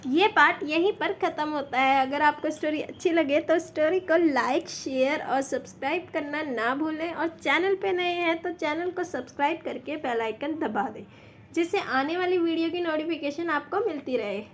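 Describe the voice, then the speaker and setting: A woman storyteller narrating a romantic fan fiction story in a slow, expressive reading style. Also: sits high, a little hiss or hum.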